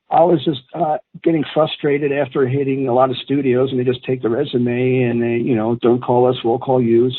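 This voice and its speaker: Over a tinny phone line, a husky, mid-range voice belongs to a middle-aged Atlantic City man guesting on a podcast. He's an animated storyteller who rambles through his tales and acts out what people said.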